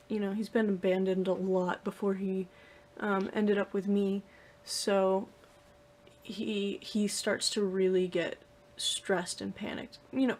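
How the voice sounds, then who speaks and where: A woman's voice: mid-range voice, a little mellow. A young woman talking casually to the camera in her room at home, rambling with lots of fillers and restarts. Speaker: vlogger. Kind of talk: casual vlog talk to camera.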